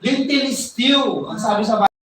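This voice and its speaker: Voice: mid-range voice, expressive, moderate pace, fairly bright tone, recorded from a distance. A preacher tells a Bible story to a congregation, stopping to repeat words while reaching for a name and checking in with "right?" The voice is picked up from well back from the mic. It rings through a very echoey room, with faint noise underneath. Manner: storytelling, repeats words while searching for names, asks "di ba?" often. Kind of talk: sermon, retelling a Bible story.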